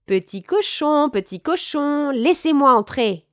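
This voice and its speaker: A woman voicing a hungry, menacing big bad wolf in a storybook reading, calling out in a loud, drawn-out way. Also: high-pitched, lively intonation, no room sound, clean studio sound, voice pushed up. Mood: coaxing.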